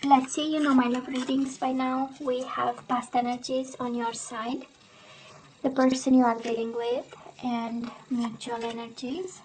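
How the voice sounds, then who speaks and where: A woman doing a casual tarot love reading, hoarse as she loses her voice, often clearing her throat and tagging her sentences with "right?". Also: high-pitched, flat delivery, measured pace, darkish tone, a little hiss or hum, poor audio. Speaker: tarot reader.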